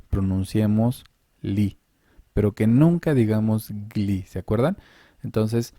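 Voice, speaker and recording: Male language teacher, unhurried and mellow, patient step-by-step explainer. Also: lowish voice, no echo, clean studio sound. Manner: patient, explains step by step, asks and answers his own questions. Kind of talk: online language lesson.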